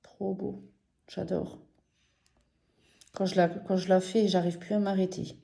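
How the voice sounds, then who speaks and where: A French woman chatting casually and enthusiastically about her embroidery projects in a vlog, slow and gentle with many fillers. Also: fairly low pitch, flat delivery, vocal fry, echoey room. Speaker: embroidery vlogger. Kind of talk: casual show-and-tell vlog.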